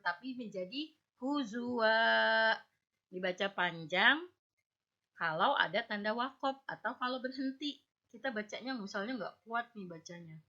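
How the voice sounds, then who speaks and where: Female teacher, clear bright tone, slightly high, patient and deliberate. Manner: slow, patient explaining, drawing out example words; checks understanding with "ya" and "oke". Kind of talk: Quran recitation lesson for students. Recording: dull lo-fi recording.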